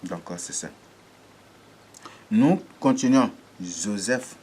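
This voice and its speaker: A man preaching a teaching sermon, halting and repeating words, often asking rhetorical checks. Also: on the low side, animated, mellow, slightly rough.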